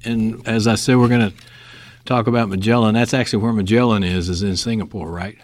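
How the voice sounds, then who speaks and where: A man with a Texas accent hosts a casual interview and keeps his guest going with short affirmations. His voice sits a little low. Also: steady tone, brisk. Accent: Texan. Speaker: podcast host.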